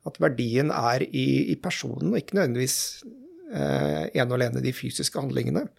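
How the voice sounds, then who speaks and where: A male doctor talks through his points slowly and thoughtfully, pausing often on fillers. His voice is heavily gravelly with a husky edge. It sounds like a relaxed podcast chat. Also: medium pitch. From Norway. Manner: thoughtful, hesitant with many fillers. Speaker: general practitioner guest. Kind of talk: casual podcast conversation.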